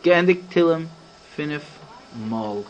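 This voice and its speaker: A male rabbi narrating a tale for small children, animated and quizzing his young listeners as he goes. His voice sits high for a man. He mixes playful questions and English phrases into the telling. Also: slow, lo-fi sound, a little hiss or hum. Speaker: rabbi and educator.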